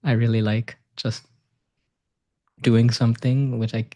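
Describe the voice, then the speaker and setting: A man whose voice is hoarse and partly gone, speaking quietly and haltingly over a video call. His dark voice stays flat. He leans close to his computer mic. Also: medium pitch. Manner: quiet, halting, with filler likes.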